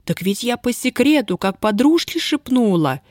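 Женщина играет испуганную молодую крестьянку, которая всхлипывает и умоляюще причитает. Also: female voice, medium pitch, animated, normal speed, no echo, studio quality, natural voice. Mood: tearful. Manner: sobbing, pleading, folk speech. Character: frightened, tearful young peasant girl.

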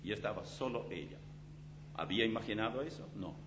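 A man preaching a sermon as pastor in a church, in an animated, dramatic way with vivid illustrations. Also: on the low side, fairly quick. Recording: slightly dull recording with faint hum.

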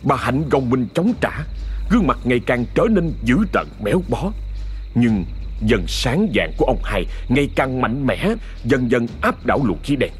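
A man narrating a horror story in a dramatic, expressive scripted reading. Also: medium pitch, normal speed.

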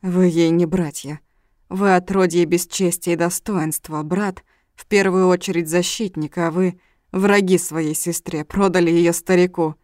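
A woman's voice: lowish voice, fairly even intonation, unhurried, a little mellow, no room sound, clean studio sound, close to an everyday voice. A woman voicing a ruthless male gang leader who speaks coldly and threateningly. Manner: cold, threatening.

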